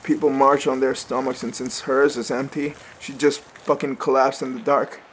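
An actor voices the narrator and lead of a dramatic audio series: a weary, sweary male survivor trekking through snowy wilderness, weary yet determined, casual and hesitant in dialogue. His natural, mid-range voice shows little pitch movement at a moderate pace, with slight hiss or hum and soundtrack music beneath.

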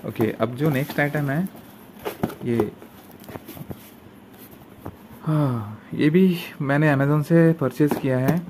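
A young man talking casually as he unboxes camping gear, pausing often with fillers and restarting his sentences. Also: on the high side. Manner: hesitant, many fillers and restarts. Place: indoor room at a table. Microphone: handheld phone camera pointed at the table. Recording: noisy phone recording with room hiss.

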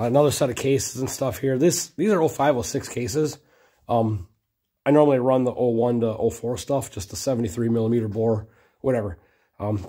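A hoarse man casually rambling about his motorcycle project in his garage, swearing freely. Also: mid-range voice, mellow. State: hoarse from a cough. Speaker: motorcycle racing vlogger. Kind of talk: casual chat. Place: home garage workshop.

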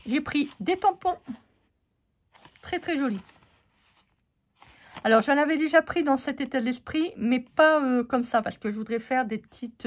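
French lady with a strained, fading voice, chatty craft haul, lots of "euh". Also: a little high. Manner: chatty, many fillers, talks to viewers. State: losing her voice. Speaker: craft channel host. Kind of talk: casual craft haul chat.

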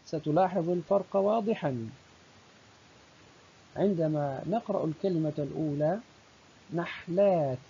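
Very husky teacher, slow and deliberate. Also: mid-range voice, dark tone. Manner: slow, deliberate, drawing out example words. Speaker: primary school teacher. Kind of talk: recorded classroom lesson. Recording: dull lo-fi recording.

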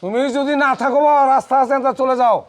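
A man playing a stubborn sixty-year-old father who has remarried, talking gruffly and defiantly in colloquial Bangladeshi Bengali. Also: extremely high pitch, fast talker. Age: 60s.

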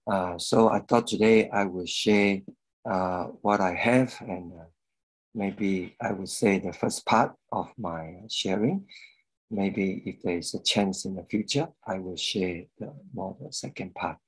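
Slow, hesitant low-voiced man on a call. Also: breathy edge, low-quality recording. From Malaysia. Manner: slow and hesitant, many fillers. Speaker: guest speaker giving a testimony. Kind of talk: halting personal testimony on a video call. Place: indoor room at home. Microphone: video call webcam with earphones.

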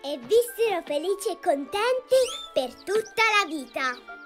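Masha, a very high-pitched little girl storyteller. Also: measured pace, faint music behind, exaggerated voice. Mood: lively. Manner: lively, chatty, asks the listener questions. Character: little girl telling a fairy tale, playful. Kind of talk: cartoon storybook narration.

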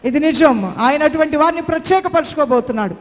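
A woman's voice: high voice, a little fast, big-room sound. A woman preaching a sermon with fervent, repetitive exhortation.

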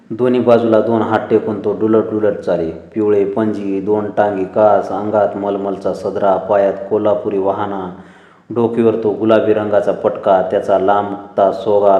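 A man narrating a story in a steady, measured reading, in a dull, echoey recording. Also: lowish voice.

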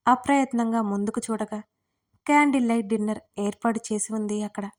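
Woman narrating an audio story, slightly high voice. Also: a little fast, a little mellow. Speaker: writer and narrator.

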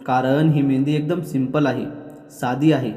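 A man's voice: medium pitch, fairly even intonation, normal speed, warm tone, reverberant, long reverb tail, lightly acted. A man voicing a playful young husband who teases his wife. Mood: teasing. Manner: teasing, playful.

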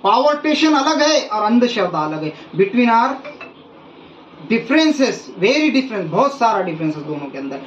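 High-voiced man preaching emphatically, roomy and distant. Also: sing-song, unhurried, a bit bright, slight background noise. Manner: emphatic, repeats warnings. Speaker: faith healer. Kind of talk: preaching to an audience. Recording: roomy, distant, dull sound.

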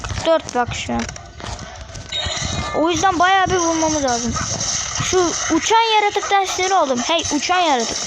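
Excitable high-voiced woman gaming. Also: normal speed, long pauses, noisy background. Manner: excitable, trash-talks enemies. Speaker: mobile gamer. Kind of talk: casual gameplay commentary. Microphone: phone screen recording.

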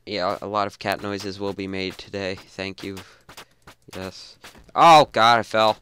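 A young man giving goofy, rambling commentary over a game he plays, mumbling low asides and then yelping, on a desk mic. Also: steady tone, a little slow, sharp tone, smooth. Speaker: gamer. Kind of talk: casual let's-play commentary.

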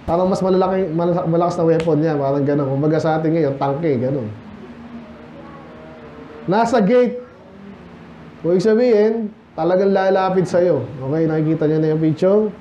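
Filipino pastor, high voice with a warm mellow tone, preaches in an echoey hall, slightly dull recording. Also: male voice. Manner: preaching in Tagalog-English mix, rhetorical questions to the congregation; reads scripture aloud slowly and deliberately. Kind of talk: sermon. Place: church. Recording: echoey church room, slightly dull sound, faint noise.

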